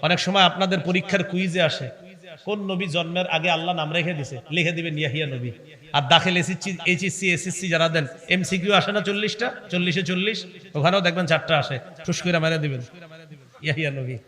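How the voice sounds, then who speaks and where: A young man with a high-pitched voice preaches an Islamic waz sermon, moving between animated explanation and slow, chanted Quran recitation. A long hall reverb hangs on the recording.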